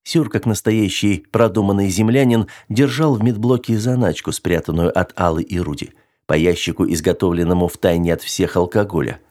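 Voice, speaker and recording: A man narrating an audiobook in a steady, even reading voice. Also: low-pitched, moderate pace. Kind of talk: scripted narration.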